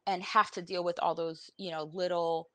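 Her voice sits fairly low with a level tone and normal speed, captured dry. A forties-aged podcast guest from Puerto Rico, she joins a panel by video call from home, speaking candidly, bluntly and saltily in an informal way, clearly weary and emotionally spent.

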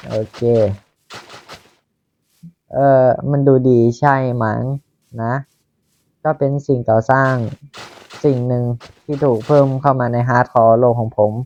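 A man's voice: mid-range voice, steady tone, darkish tone, muffled recording, a little hiss or hum. A Thai man casually commenting on his own Minecraft building, chatting to himself as he works. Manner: slow, chatty, talking to himself while building. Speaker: Minecraft YouTuber.

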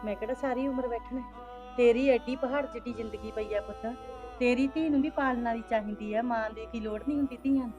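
A woman's voice: fairly high pitch, fairly even intonation, fairly quick, highs cut off, music in the background, natural voice. A woman playing a coaxing old village mother. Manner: coaxing, repeating "son" often. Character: older village mother, coaxing son, quarrelsome with daughter-in-law. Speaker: actor in a short film. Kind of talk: village drama acting.

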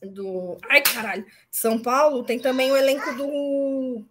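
A woman's voice: high-pitched, fairly even intonation, unhurried, background noise. A woman in her thirties, a guest on a video call, chatting casually and telling jokey stories with the odd swear word.

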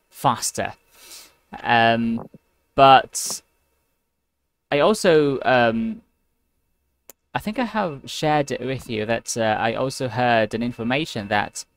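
A man tutoring English one-on-one over a video call, talking slowly and patiently with many fillers. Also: medium pitch. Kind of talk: one-on-one class conversation. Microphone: computer mic on a video call.

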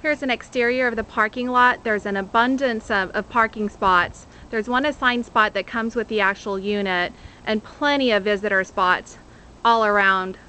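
Her mid-range voice is pushed and bright, moving at a moderate pace with slight background noise. A real estate agent in her thirties, she narrates an enthusiastic handheld-camera walkthrough of a rental condo, which begins outdoors at the front door and continues through the vacant rooms as she points things out one room at a time.

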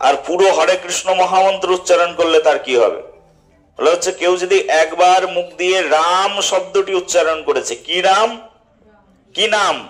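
A male preacher giving a devotional sermon, often putting questions to his listeners and answering them himself, with key words drawn out slowly. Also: high-pitched.

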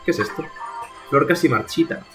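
A man's voice: a little high, expressive, normal speed, music in the background. A man from streaming a video game live, talking to himself in exasperated bursts and swearing as he plays. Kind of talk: live gameplay commentary.

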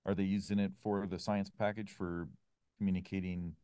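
Hesitant, low-voiced man asking questions. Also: level tone, moderate pace, dark tone, clear, resonant tone, no echo, clean studio sound. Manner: hesitant, searching for words. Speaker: meeting participant asking questions. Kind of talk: casual question in a meeting.

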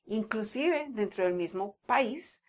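A woman's voice: mid-range voice, lively intonation, takes it slowly. Colombian paisa woman explaining to camera. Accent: Colombian Spanish, Medellín (paisa). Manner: conversational, repeats words while thinking. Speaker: language teacher. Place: United States.

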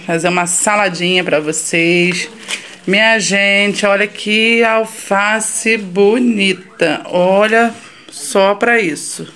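A Brazilian woman hosting a casual cooking vlog in her home kitchen, chatting warmly with her viewers as she cooks. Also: medium pitch. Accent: Brazilian Portuguese. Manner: affectionate, chatty, addresses viewers as "minha gente". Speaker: vlogger. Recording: noisy home kitchen audio. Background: frying and sizzling in the kitchen.

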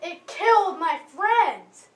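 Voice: very high voice, expressive, takes it slowly, a bit bright, heavily acted. A young performer playing a bewildered, exasperated captive in an amateur horror parody, recorded in a garage. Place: home garage. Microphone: distant camera. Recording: roomy, distant camera mic, faint noise.

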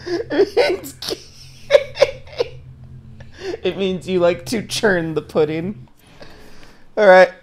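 A man's voice: sits high, wildly swooping pitch, drawn-out words, long pauses. A young man casually commenting on his game play with friends, joking and laughing often. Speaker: gamer playing a game for a recording.

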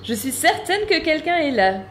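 Excitable little female beetle, put on by a woman, very high and bouncy, for a kids' play. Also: normal speed, slight background noise. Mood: curious.

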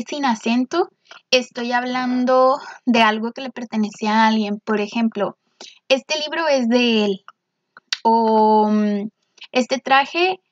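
A woman's voice: fairly high pitch, no room sound. A woman teacher patiently explaining grammar, often checking in with the listener. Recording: dull, dry lo-fi recording.

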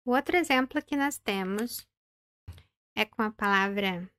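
A woman's voice: mid-range voice, a bit bright, no echo. A woman in her thirties teaching an English pronunciation lesson, carefully repeating words and checking in with "ok?". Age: 30s. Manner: slow, careful modelling of English words, frequent "ok?" check-ins.

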